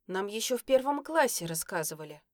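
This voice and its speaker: A woman voicing a whiny, stubborn young boy who wails and shouts his protests. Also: medium pitch, sing-song, brisk, no echo, natural voice. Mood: cocky. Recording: dry close recording.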